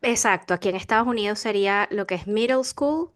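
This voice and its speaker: A woman's voice: medium pitch, brisk. A young adult woman with a Venezuelan accent, hosting a podcast in chatty, giggly conversation. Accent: Venezuelan Spanish. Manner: chatty, giggly, animated storyteller. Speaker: podcast host. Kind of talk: casual chat.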